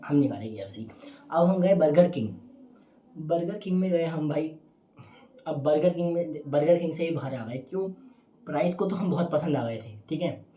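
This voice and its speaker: A man's voice: fairly high pitch, mellow, a little hiss or hum. A young man doing stand-up, telling a rambling, casual story full of restarts. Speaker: stand-up comedian. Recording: roomy echo with faint ambience.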